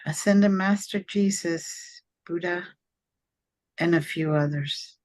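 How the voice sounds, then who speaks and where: A woman leading a guided meditation in a soft, soothing, measured way, with long pauses between phrases. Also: fairly low pitch.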